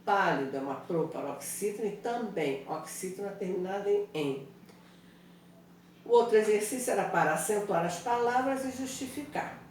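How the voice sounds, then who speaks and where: A woman's voice: mid-range voice, lively intonation, normal speed, a little mellow, a little hiss or hum. A woman teacher correcting exercises in an online class, explaining step by step and often checking in with the students. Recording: very echoey room, voice far from mic.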